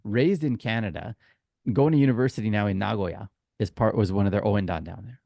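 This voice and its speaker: On a laid-back sports podcast, this co-host and tour guide spins chatty, informal anecdotes, performing the back-and-forth of quoted exchanges. He speaks briskly in a lowish, creaky, mellow voice. The sound is clean studio audio with no echo.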